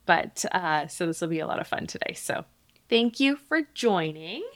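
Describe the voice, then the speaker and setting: A woman in her thirties hosting a podcast, talking in a chatty, upbeat way with direct appeals to listeners and a relaxed chat with her child. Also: fairly low pitch, moderate pace, no echo. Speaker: podcast host.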